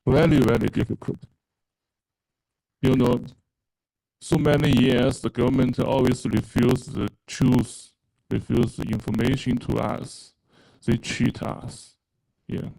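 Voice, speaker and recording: A man from China gives a halting, earnest testimonial about his time in a spiritual program. His voice is low in brightness and gravelly with fry, and he speaks very slowly, pausing often on fillers. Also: steady tone, poor audio. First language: Mandarin Chinese. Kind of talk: personal testimonial.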